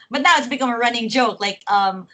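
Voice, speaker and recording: Bright-voiced woman in her forties. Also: fairly high pitch, moderate pace, low-quality recording. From Philippines. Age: 40s. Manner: chatty, laughs often between phrases. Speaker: professional wrestler guest. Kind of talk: casual interview chat.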